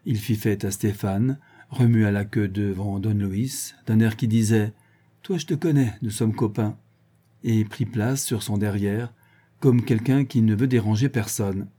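A man reading a novel aloud as an audiobook narrator, calm and measured. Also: fairly low pitch.

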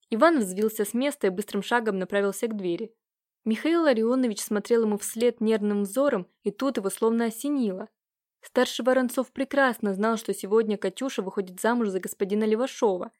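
A woman narrating a historical novel in a steady, even storytelling voice. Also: mid-range voice. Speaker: audiobook narrator. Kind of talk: scripted narration.

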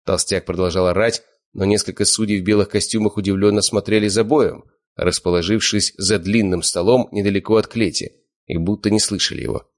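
A man narrating an audiobook in the first person, steady and smug. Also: fairly low pitch, fairly quick. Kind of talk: scripted narration.

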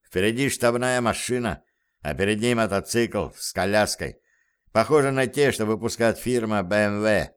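A man voicing a brisk male guerrilla leader who gives curt orders, read as audiobook dialogue. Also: fairly low pitch, clear, resonant tone, close to an everyday voice. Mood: commanding.

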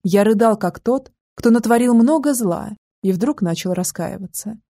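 Woman with a mellow voice narrating calmly. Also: mid-range voice, normal speed, no echo, clean studio sound. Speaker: audiobook narrator. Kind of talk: first-person scripted narration.

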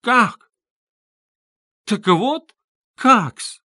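A man's voice: a little high, expressive, unhurried, fairly bright tone, no room sound, studio quality. A man playing a haughty, spiteful middle-aged suitor who speaks sarcastically and ceremoniously in an audiobook. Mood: enraged.

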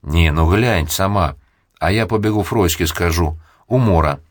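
A man voicing an excitable old village woman who gossips, with a shrill squealing voice. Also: a little slow, no room sound, studio quality. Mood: excited.

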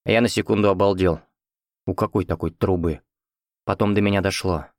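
A man's voice: deep voice, steady tone, moderate pace, no room sound, studio quality. A man reading first-person fiction as an audiobook narrator, in a conversational, wry storytelling manner.

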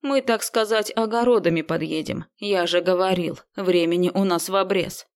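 A woman's voice: lowish voice, normal speed, close to an everyday voice. A woman voicing a sly male doctor who grumbles as he talks. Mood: grumbling.

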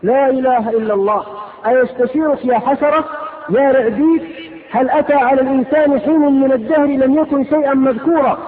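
Passionate preacher, rapid and scolding, recorded thin and phone-like in an echoing hall. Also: male voice, extremely high pitch, fairly even intonation. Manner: impassioned, rhetorical, scolding. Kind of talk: fiery sermon. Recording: lo-fi phone-like sound, long hall reverb.

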